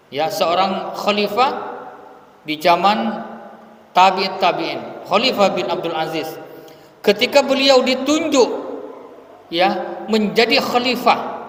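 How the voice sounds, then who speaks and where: A man preaching a lively sermon to his congregation, telling stories and addressing them directly. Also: high-pitched. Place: gathering hall for an evening study. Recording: echoey hall from far off.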